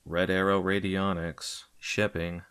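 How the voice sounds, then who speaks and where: A man doing a curt, gruff shipping clerk. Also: low-pitched, flat delivery, takes it slowly, fairly bright tone. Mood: impatient. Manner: curt, impatient. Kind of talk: audiobook character voice.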